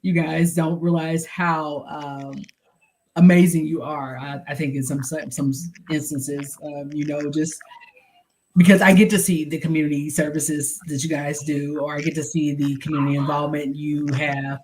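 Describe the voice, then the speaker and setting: A middle-aged woman hosting a podcast, talking casually and reflectively with frequent pauses and fillers. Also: deep voice, flat delivery, darkish tone, rough recording. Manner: reflective, pauses with many ums and you-knows. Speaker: podcast host. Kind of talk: casual chat.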